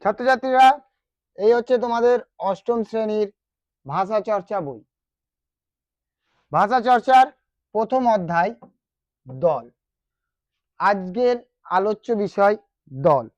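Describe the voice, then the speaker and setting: A teacher with a West Bengal accent walks students through a grammar lesson at a very unhurried pace. Key terms come back again and again, with questions put to the class. The voice sits mid-pitched in a dry, close recording. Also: animated, darkish tone, dry recording, lo-fi sound. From West Bengal, India.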